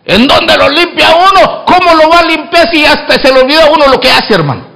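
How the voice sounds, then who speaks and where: Animated high-pitched male pastor preaching. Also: brisk, gravelly. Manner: swings from hushed asides to loud exclamations; acts out both sides of dialogues within his preaching. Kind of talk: sermon.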